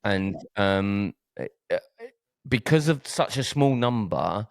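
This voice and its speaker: Essex bloke hosting a podcast, deep voice, dry close sound, stumbles over words a bit. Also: male voice, lively intonation, slow pace, creaky, dry recording. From Essex, England. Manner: hesitant, repeats words. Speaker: podcast host. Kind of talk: casual chat.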